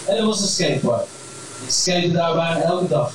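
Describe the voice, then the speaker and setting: A man's voice: a little high, animated, moderate pace. A man telling a first-person story on stage in a frank, crude and wryly humorous way. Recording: very echoey room, mic far off, clear background noise.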